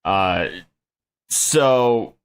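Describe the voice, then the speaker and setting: A man's voice: fairly low pitch, lively intonation, drawn-out words, clean tone. A man hosting a podcast, asking his questions hesitantly with many fillers in a casual chat. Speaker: podcast host. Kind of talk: casual conversational interview.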